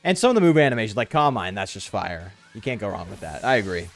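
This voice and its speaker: A man's voice: fairly low pitch, animated, fast talker, creaky, no room sound. A man talking casually like a frat bro while livestreaming a game, on a close microphone. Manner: frat-bro talk full of bro and dude. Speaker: game streamer. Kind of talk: casual livestream chat over gameplay. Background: music.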